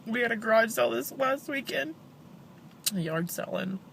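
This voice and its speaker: A woman speaking in a halting, downcast, grieving way, as in a personal confessional vlog. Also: fairly high pitch, animated, creaky, background noise. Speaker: vlogger, bereaved mother.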